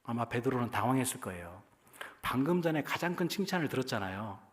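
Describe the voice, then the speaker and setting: A man's voice: mid-range voice, very animated, fast. Man preaching in a conversational way. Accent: Jeolla Korean. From Jeolla region, Korea. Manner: conversational preaching, frequent rhetorical questions to the congregation. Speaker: pastor. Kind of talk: sermon. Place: church.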